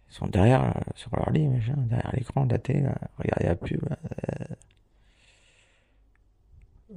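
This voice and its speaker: A man with a gravelly, husky low voice tells a rambling, casual audio diary from his hospital stay. His tone is dark and mellow, loose and full of swearing and laughter. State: hospital patient. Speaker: podcast host.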